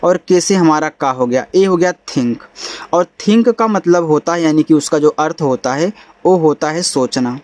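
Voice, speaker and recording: A man's voice: a little high, normal speed, darkish tone. A man teaching English in a spoken lesson, explaining spelling and pronunciation patiently in a casual, friendly way. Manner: casual and friendly, says bhai and yaar.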